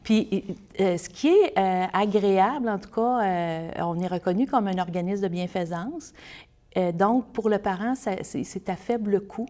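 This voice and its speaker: Speaking for a service as an interview guest, a woman with a Québécois French accent gives earnest, explanatory answers. Her voice is warm and medium in pitch, and she talks a little slowly.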